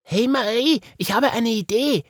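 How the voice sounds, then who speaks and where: A man voicing a lively, helpful female toy hare in a children's story, with an Austrian accent and squeaky excitement. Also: unhurried, no room sound, studio quality. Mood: excited.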